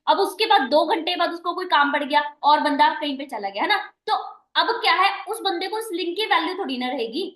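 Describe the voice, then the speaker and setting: A woman's voice: extremely high pitch, pushed and bright, reverberant. A woman manager giving a recorded training meeting, coaching her team and checking in often with "right?" and "okay". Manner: coaching, repeats "ठीक है" and "है ना" often; addresses listeners as dear and guys. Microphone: online meeting recording.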